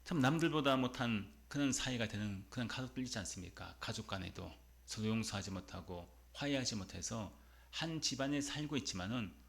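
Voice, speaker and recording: A man's voice: medium pitch, animated, a little fast, gravelly, fairly bright tone. A male pastor preaching a Sunday sermon, telling a story and asking the congregation rhetorical questions.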